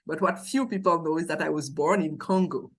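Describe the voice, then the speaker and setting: A woman's voice: low-pitched, a little fast, husky. A woman in her forties from Haiti with a Haitian accent, speaking as an interview guest, thoughtful and earnest, often restarting her sentences as she tells her story.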